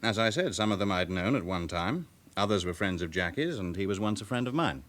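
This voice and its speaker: In a naturalistic radio drama, an actor plays a smooth, respectable businessman with a past, speaking formally with controlled, faintly haughty pride. His lowish, fairly bright voice has lively intonation and a fairly quick pace, and his mood is guarded yet courteous.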